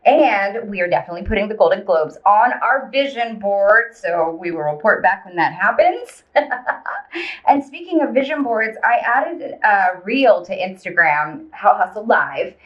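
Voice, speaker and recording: A woman's voice: medium pitch, lively intonation, normal speed. A woman co-host reading news segments and a guest introduction in an upbeat, chatty way. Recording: dull, lo-fi audio.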